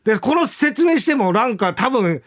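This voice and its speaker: A man's voice: extremely high pitch, sing-song, moderate pace, a bit bright. A man hosting a radio after-talk, chatting casually and rambling with laughs between lines. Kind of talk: casual chat.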